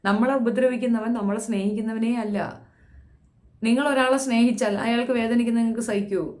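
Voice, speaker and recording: A woman's voice: fairly high pitch, steady tone, fast, darkish tone, echoey room. A woman giving a blunt, impassioned commentary, scolding and firing rhetorical questions at young women. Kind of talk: impassioned social commentary monologue.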